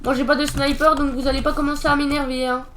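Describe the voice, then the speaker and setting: A woman giving live commentary over her own gameplay, excitable and stammering, breaking into loud outbursts when stressed. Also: sits high, fast talker, noisy background. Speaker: gaming youtuber.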